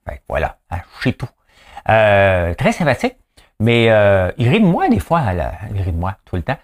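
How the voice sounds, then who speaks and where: Brief: Quebec French male vlogger, low voice with a lively pitch, rambling and jokey. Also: normal speed. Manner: rambling, joking, self-mocking. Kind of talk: casual solo commentary to camera. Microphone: camera mic.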